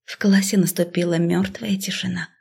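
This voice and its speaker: A woman reading a first-person fantasy novel aloud, speaking expressively and dropping to a hush in intimate passages. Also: on the low side, level tone, moderate pace, vocal fry, husky. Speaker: audiobook narrator.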